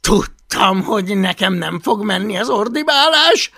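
A man's voice: sits high, animated, bright, forceful tone, dry recording, studio quality, pitched above the performer's own voice, heavily acted. A man voicing an exasperated young Viking boy who strains and pleads with his dragon in an audiobook.

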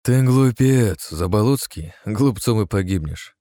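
Male narrator doing a gleeful, bloodthirsty mage in an audiobook: mocking, raised and loud. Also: low-pitched, little pitch movement, a little fast, no room sound, natural voice. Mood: menacing. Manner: mocking, then wild manic shouting. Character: arrogant, bloodthirsty male mage, mad glee.

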